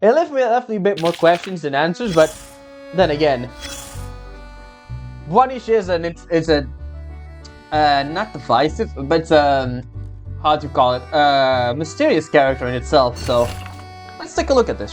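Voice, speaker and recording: A streamer of unclear gender commenting casually on a story game and reading its narration aloud, sometimes haltingly. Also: mid-range voice, very animated. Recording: game music underneath.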